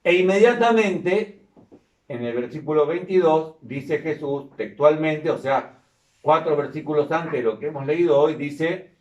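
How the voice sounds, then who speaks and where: A man's voice: fairly high pitch, measured pace, dull audio. A man serving as priest, reading scripture and preaching in a careful, explanatory way, his voice carried by a cathedral echo. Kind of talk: liturgical reading and homily. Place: large church. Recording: echoey church from a distance.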